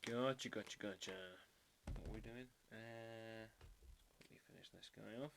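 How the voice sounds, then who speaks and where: A man's voice: on the low side, fairly even intonation, moderate pace, vocal fry, background noise. A man hosting a live drawing stream, chatting casually and playfully while trying out foreign words. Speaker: livestream artist host.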